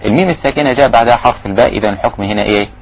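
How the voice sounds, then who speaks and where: Husky Egyptian man teaching recitation. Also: mid-range voice, lo-fi sound. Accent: Egyptian Arabic. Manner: quick explanations broken by slow, drawn-out recited phrases. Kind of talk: recitation lesson.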